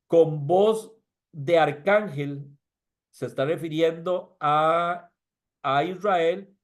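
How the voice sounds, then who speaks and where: A middle-aged male pastor teaching a Bible class in an earnest, explanatory way, often repeating and restarting phrases. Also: a little high.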